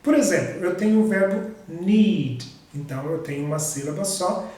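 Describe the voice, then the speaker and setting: Patient teacher in an echoing room. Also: male voice, sits high, darkish tone. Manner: slow, patient, repeats example words. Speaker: English teacher. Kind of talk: pronunciation lesson. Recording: very echoey room, distant mic.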